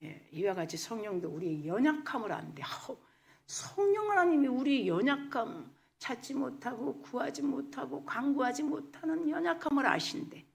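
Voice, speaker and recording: A woman pastor delivers an emphatic church sermon in a high, gravelly voice. Her pitch swings widely as she stresses points. At times she sinks into a near whisper. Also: sing-song, normal speed, a little mellow. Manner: emphatic preaching, mixing English words, often drops to a whisper. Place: church sanctuary.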